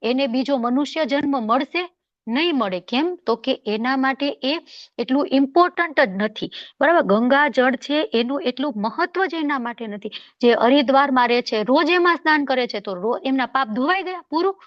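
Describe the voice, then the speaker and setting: A woman's voice: sits high, expressive, normal speed, no echo, highs cut off. A woman teaching a devotional scripture class in a conversational way, often asking rhetorical questions and checking that listeners follow. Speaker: Bhagavad Gita class teacher.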